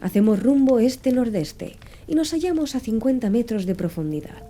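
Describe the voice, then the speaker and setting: A woman voicing a cool, courteous male submarine captain, speaking in a formal, precise way and pitched a little higher than her own narration, with a very dark, mellow tone and soft music underneath. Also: lively intonation, normal speed, natural voice. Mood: composed, formal.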